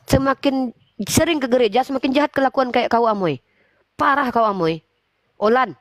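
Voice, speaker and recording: A woman hosting a religious debate livestream, scolding and preaching in a forceful way. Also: high voice, normal speed, dry recording. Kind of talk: livestream talk.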